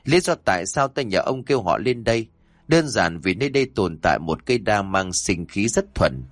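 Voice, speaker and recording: A wise, severe exorcist master from a spoken ghost story, as a male narrator puts him on. He lectures in a low, steady voice that rises and falls with conviction, and he scolds firmly. The recording is dry and close. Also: moderate pace, no room sound. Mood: admonishing.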